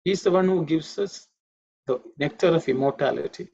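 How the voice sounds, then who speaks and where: Man, husky voice, Sanskrit lesson, patient repetition, muffled lo-fi sound. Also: fairly high pitch, a little mellow. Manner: patient, repeats pronunciations slowly. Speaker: Sanskrit teacher. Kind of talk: online class lecture. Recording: dull lo-fi audio.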